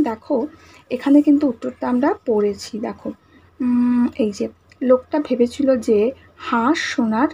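A woman teacher giving an online lesson, speaking softly and patiently, repeating each answer and asking the class questions. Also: on the high side, slightly rough, lo-fi sound. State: speaking softly, finds talking hard today.

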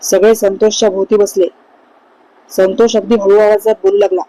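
A woman narrating a horror story in a measured, suspenseful way. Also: mid-range voice, level tone, mellow, dry recording, poor audio.

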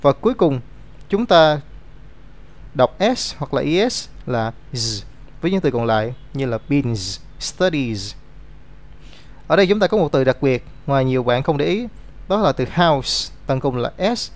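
A man's voice: medium pitch, lively intonation, a little slow. A man teaching an English grammar lesson, explaining rules step by step and reading out example words.

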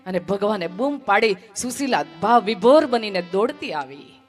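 A woman's voice: medium pitch, expressive, moderate pace, soft background music. A woman telling a devotional story at a village religious gathering, acting out the dialogue with dramatic swells and drops.

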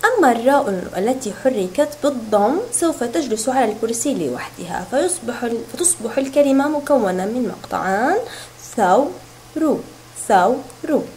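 A woman teaching a recorded reading lesson to young children, sounding out syllables slowly and clearly. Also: on the high side, animated, warm tone, slight background noise, low-quality recording. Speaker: kindergarten teacher.

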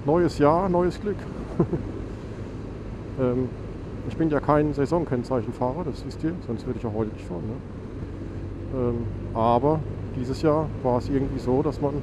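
A man talks into his helmet mic while riding, his voice stuffy and nasal from a cold. He rambles along, corrects himself and drops plenty of fillers. Engine and wind noise roar clearly behind him. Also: mid-range voice, normal speed, long pauses. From Germany. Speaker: motovlogger. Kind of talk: casual chat while riding. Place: outdoors on a motorcycle on a country road. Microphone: helmet mic on a motorcycle. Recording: noisy motorcycle wind and engine.

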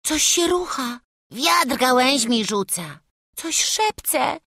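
A plucky peasant boy, quick to argue and bold in his pleading. The voice sits high and sounds bright and sharp, like a storybook hero lad. It is a dry, close audiobook read. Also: very animated, dry recording, exaggerated voice. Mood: teasing, brave. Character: brave cheeky peasant boy apprentice. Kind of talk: audiobook character voice.

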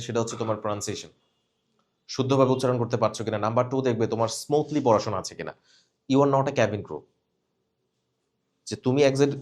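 Man coaching cabin crew candidates. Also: medium pitch. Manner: instructive, corrects students directly, demonstrates readings. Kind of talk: live coaching class.

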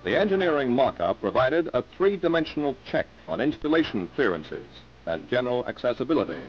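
A man reads the narration of an old newsreel in a dramatic announcer's manner, his pitch rising and falling with lively emphasis. The sound is dull and lo-fi, as from aged film, with a faint hiss underneath. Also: brisk. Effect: old newsreel recording. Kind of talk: scripted 1950s newsreel narration.

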